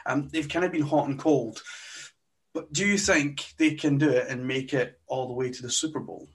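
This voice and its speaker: A man co-hosting a podcast, bantering in a relaxed, casual way. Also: medium pitch, normal speed. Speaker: podcast co-host.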